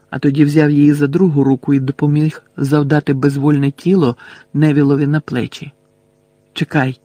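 A man reading a novel aloud in a steady storytelling manner. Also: medium pitch, no echo. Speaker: audiobook narrator. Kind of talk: scripted narration.

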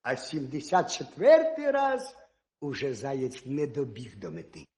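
Man, storyteller, folk tale for children, animated, expressive, echoey room. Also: medium pitch, a little slow.

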